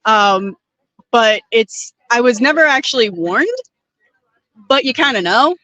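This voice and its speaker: A woman who trains as a pro wrestler, chatting casually and telling stories in a lively way on a podcast recorded at an outdoor festival. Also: fairly high pitch, unhurried, no echo, low-quality recording.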